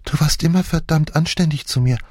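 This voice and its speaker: A man's voice: a little high, fairly quick, a little mellow, no echo, clean studio sound, pitched above the performer's own voice, close to an everyday voice. A man reading an audiobook and voicing a dying man who turns from spiteful to childlike and pleading. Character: dying addicted man, bitter then childlike.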